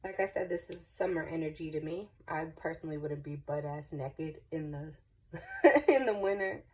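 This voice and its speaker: A congested woman, stuffy from a cold, gives a casual spoken tarot reading in a low, darkish voice at normal speed. She's animated, chatty and reassuring, and tends to repeat herself.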